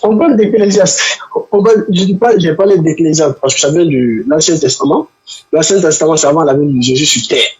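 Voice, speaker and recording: A man debating as a guest, explaining slowly and pleading to be heard. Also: fairly high pitch, slightly rough. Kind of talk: heated live debate. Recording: dull lo-fi line.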